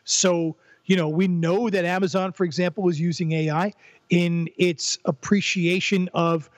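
High-voiced older man, thoughtful and halting. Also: little pitch movement, dry recording. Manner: thoughtful, halting restarts, repeats words while building a point. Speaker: podcast guest, psychologist and former professor. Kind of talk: conversational interview.

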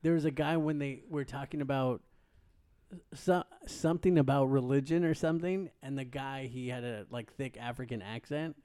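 A man's voice: mid-range voice, normal speed, mellow, smooth. A man in casual banter, swearing freely and arguing in jest. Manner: profane, heated joking.

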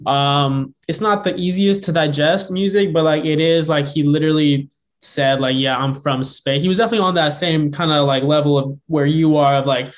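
A man's voice: fairly high pitch, steady tone, normal speed. A man from the Bay Area, hosting a casual podcast chat, laid-back and slangy with many likes. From San Francisco Bay Area. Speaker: podcast host.

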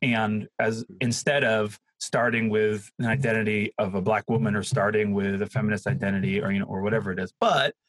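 Man talking theory, slightly husky. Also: fairly low pitch, brisk, few pauses, dry recording, rough recording. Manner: searching for words, animated and laughing. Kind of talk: casual academic conversation.

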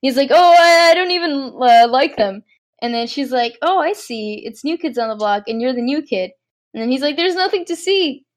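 A woman's voice: high-pitched, expressive, normal speed. An eighteen-year-old woman co-hosting a podcast, recapping a movie in a rambling, self-deprecating way full of fillers. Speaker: podcast co-host. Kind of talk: casual movie recap chat.

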